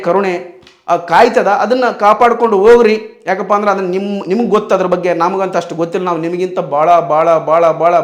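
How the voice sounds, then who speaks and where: Man, very high voice, rapid impassioned fan rant. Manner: impassioned, rhetorical questions. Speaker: fan commentator. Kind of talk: opinion monologue.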